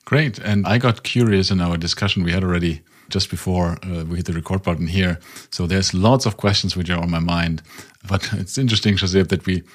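Low, husky-voiced male podcast host. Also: fairly even intonation, brisk. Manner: chatty, with many restarts. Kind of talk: casual interview.

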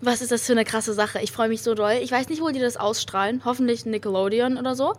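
Giddy, gushing young German woman, higher-pitched. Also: fast talker. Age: young adult. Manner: giddy, gushing, girlish excitement. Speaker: podcast host. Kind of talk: casual chatty pop-music podcast with youth slang and English phrases. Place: hotel lobby. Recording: clearly noisy room ambience.

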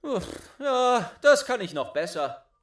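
A man voicing a fearless, cheeky young lad who talks boldly and loudly in a storybook reading. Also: fairly high pitch, huge pitch swings, a little slow, pitched above the performer's own voice. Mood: triumphant. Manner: bold, cheeky and loud.

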